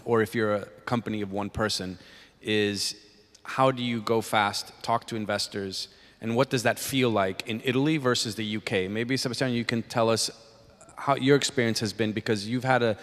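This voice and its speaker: A man's voice: lowish voice, steady tone, fairly quick, a bit bright. A man moderating a panel as interviewer, putting questions to guests in a conversational way. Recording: reverberant hall.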